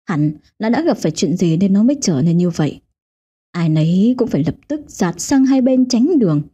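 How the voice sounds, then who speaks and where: A woman's voice: mid-range voice, animated, normal speed, warm tone, husky. A woman host giving scripted, dramatic narration of a ghost story. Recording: dull lo-fi audio with faint music.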